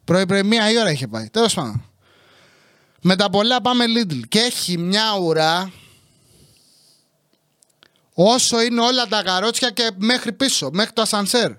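A man's voice: sits high, expressive, pauses often, bright, forceful tone, no room sound, studio quality. A man hosting a podcast who tells a comic story in a casual, exasperated style, full of swearing. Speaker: podcast host.

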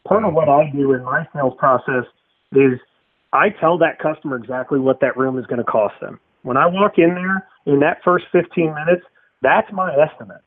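A man explains his sales approach over a bad connection that sounds like speakerphone. The sound is tinny and phone-like, with no room echo at all. He talks in an animated way, slipping into his customers' voices as he goes. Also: on the high side, moderate pace, breathy edge. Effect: thin speakerphone-like sound over a bad connection. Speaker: podcast guest, home theater installer. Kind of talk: casual chat.

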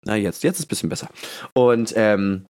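Animated male podcast storyteller. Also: fairly low pitch, moderate pace, clear, resonant tone. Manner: animated storyteller, fills speech with "so" and "und so"; acts out his own thoughts as quoted lines. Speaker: podcast co-host. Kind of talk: casual chat, storytelling.

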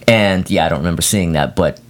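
A man's voice: sits low, a little fast. A man co-hosting a podcast in casual chat, easygoing and agreeable. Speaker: podcast co-host.

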